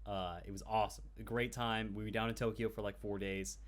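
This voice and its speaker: Low-voiced young man telling a rambling story. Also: flat delivery, brisk. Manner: rambling anecdote with filler and swearing. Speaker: podcast co-host telling a story. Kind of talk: casual storytelling chat.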